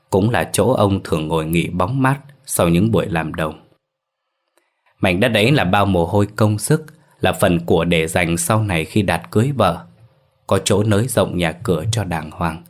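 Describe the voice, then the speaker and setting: A man's voice: low voice, normal speed. A man narrating a ghost story in a somber, dramatic scripted reading.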